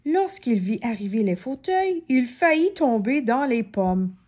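A woman reading a children's story aloud, slowly and expressively, giving each character a voice. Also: on the high side. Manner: expressive, slow and clear, voicing many characters.

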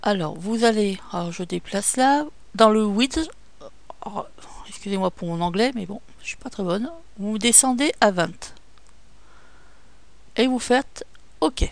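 In this screen-recorded software tutorial, a female presenter explains photo editing one step at a time, frequently pausing on fillers. The recording of her gravelly, mid-range voice is close and dry, with no room sound.

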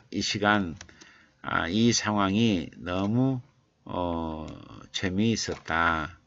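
Male writing teacher, very deep and unhurried, reading a viewer's essay aloud on a live stream. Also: fairly bright tone, dull audio. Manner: slow halting reading, repeating phrases while editing; murmured "yes" asides between phrases. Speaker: writing instructor.

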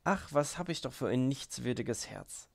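A stormy, passionate young woman from a classic novel, spoken by a male reader with a gravelly voice who barely shifts it. she broods and taunts by turns, in a measured audiobook delivery. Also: mid-range voice, animated.

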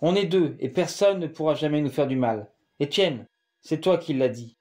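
A man's voice: a little high, normal speed, darkish tone, faint music behind, close to an everyday voice. A man doing a brave protective young boy. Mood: urgent. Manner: urgent, coaxing.

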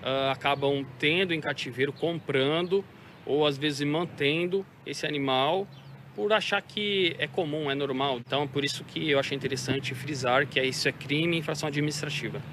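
A Brazilian policeman speaking formally outdoors in an interview, appealing to the public. His voice sits a bit high, with clear street and traffic noise around him. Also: moderate pace, a bit bright. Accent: Brazilian Portuguese. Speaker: police officer. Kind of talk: interview statement.

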